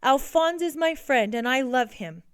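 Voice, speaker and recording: A woman's voice: high-pitched, expressive, unhurried, clear, resonant tone, no echo, clean studio sound, pitched above the performer's own voice. A woman voicing an earnest young boy who pleads and cries out for his pet. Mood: pleading.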